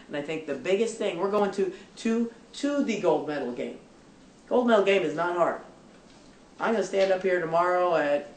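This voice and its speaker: A woman's voice: lowish voice, darkish tone. A middle-aged woman coach giving an emphatic, instructive pregame pep speech to her team in a locker room. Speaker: basketball coach. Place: small indoor locker room in front of seated players. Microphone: camera several feet away. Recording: roomy locker room, distant mic, faint noise.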